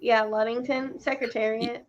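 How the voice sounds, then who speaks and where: A woman's voice: on the high side, little pitch movement, moderate pace. A woman in her thirties who works at a car dealership, bubbly and giggly in casual chat. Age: 30s. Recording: dull lo-fi sound.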